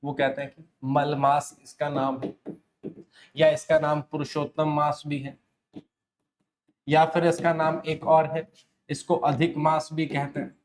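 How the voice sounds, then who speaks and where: A Rajasthani man teaches a competitive-exam class in that carries a tinge. His voice sits slightly high, and he keeps posing questions and answering them himself. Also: level tone, a little slow, long pauses. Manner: explanatory, asks and answers himself, frequent "है ना". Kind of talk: classroom lecture.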